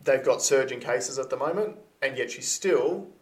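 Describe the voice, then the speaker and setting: A man's voice: mid-range voice, normal speed. An Australian man from Queensland, co-hosting a casual podcast and giving blunt opinions with frequent laughs. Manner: opinionated, laughs often, restarts. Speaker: podcast co-host.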